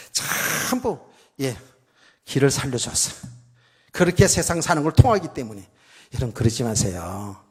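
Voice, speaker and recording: Animated middle-aged pastor in a reverberant church. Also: male voice, medium pitch, breathy edge. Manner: animated and conversational, acting out quoted voices. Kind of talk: sermon. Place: church sanctuary. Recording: long hall reverb.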